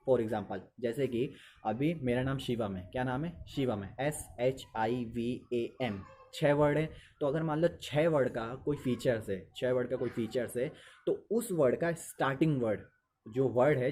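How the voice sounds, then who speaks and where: Male teacher, chatty and repetitive, mid-pitched, recorded with a noisy hiss. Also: mellow. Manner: conversational, repeats phrases, mixes English into Hindi. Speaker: teacher giving study tips. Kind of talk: casual spoken study advice.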